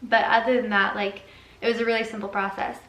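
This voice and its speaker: A cooking vlogger cooks and tastes food in her home kitchen, chatting casually with lots of "um" and "like." Her medium-pitched, slightly bright voice is a little fast and flat in delivery, and the low-quality recording sounds roomy.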